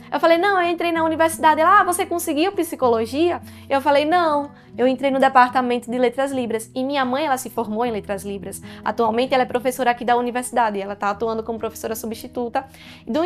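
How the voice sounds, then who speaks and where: A woman's voice: sits high, fast. Young Brazilian woman telling an emotional story. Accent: Brazilian Portuguese. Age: young adult. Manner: emotional, storytelling with quoted dialogue. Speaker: university student. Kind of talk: personal documentary interview. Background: faint guitar music.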